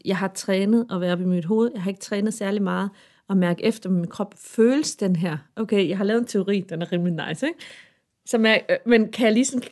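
A woman, a mother, talking in a relaxed, earnest and reflective way in a casual chat. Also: medium pitch. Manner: earnest, reflective, animated at times.

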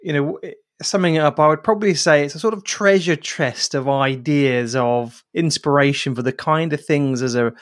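A man's voice: a little high, normal speed, dry recording, studio quality. A man with an English accent hosting a podcast interview. He talks in a friendly, chatty way and restarts his sentences often. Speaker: podcast host.

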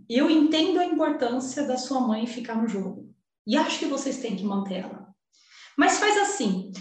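A woman's voice: fairly high pitch, darkish tone, recorded from a distance. A woman with a Brazilian Portuguese accent, an entrepreneur guest telling her story in a chatty, emotional way with lots of slang fillers. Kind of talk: casual storytelling. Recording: very echoey room, voice off-mic.

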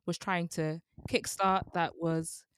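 A woman's voice: on the low side, flat delivery, takes it slowly, clean tone, no room sound, clean studio sound. A young woman, co-hosting a casual book discussion podcast, chatty with many fillers and frequent laughs. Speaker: book club podcast co-host.

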